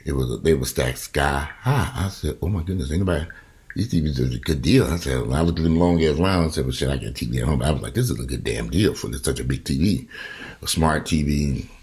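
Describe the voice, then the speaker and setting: Very deep-voiced man telling rambling stories. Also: a little fast. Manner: rambling, profane, animated retelling with quoted voices. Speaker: vlogger. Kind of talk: casual storytelling monologue.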